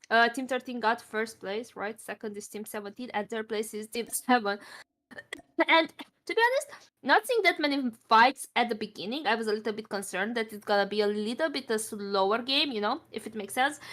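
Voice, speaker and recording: A woman's voice: fairly high pitch, fairly bright tone. A woman giving color commentary on an esports match, recovering from illness and talking in a chatty way full of fillers. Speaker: esports co-caster.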